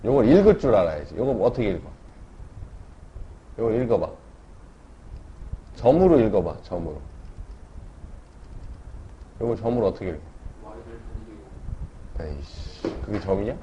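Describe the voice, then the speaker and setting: Teaching math casually in a classroom, this man speaks at a moderate pace with a fairly low, dark voice that swings widely in pitch, and he pauses often. He keeps checking in with the class through tag questions while explaining. The recording is dull lo-fi with faint noise.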